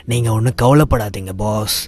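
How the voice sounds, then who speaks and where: A man voicing a loyal male spirit from a coin who answers his boss calmly and obligingly. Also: lowish voice, normal speed, voice pushed down, natural voice.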